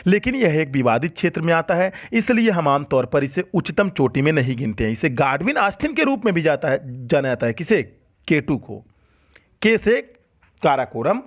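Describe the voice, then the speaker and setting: A man teaching a general-knowledge lesson for exam students, asking questions and answering them himself, and repeating key facts. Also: on the high side. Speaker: coaching teacher. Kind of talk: exam-prep lecture.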